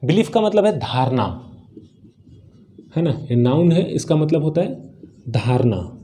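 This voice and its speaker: An Indian-accented male teacher explaining English in Hindi, his voice pitched a little high for a man yet soft and mellow in tone. He keeps asking his class questions and answering them himself, repeating each key word. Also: sing-song, takes it slowly, slight background noise. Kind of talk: spoken English lesson in Hindi.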